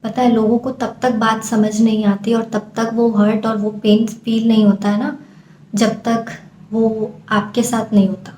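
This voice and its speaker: A woman's voice: fairly high pitch, flat delivery, measured pace, darkish tone, reverberant, slight background noise. A young woman from India speaking earnestly and emotionally to camera, pleading at times as she vlogs. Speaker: vlogger. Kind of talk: impassioned talk to camera.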